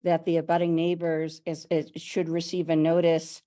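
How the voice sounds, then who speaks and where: Homeowner lady on a video call, really low warm voice, chatty, kinda rambly. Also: monotone, moderate pace, slight background noise. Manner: chatty, a bit rambling, self-correcting. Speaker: local homeowner giving public comment. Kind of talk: public comment at a video meeting.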